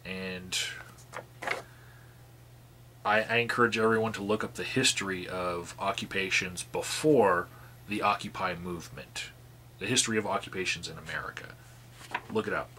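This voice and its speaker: An activist vlogger with a low, pushed, bright voice reads call logs aloud and adds his own commentary, with slight background noise. He sighs often and restarts his sentences haltingly between the passages he reads.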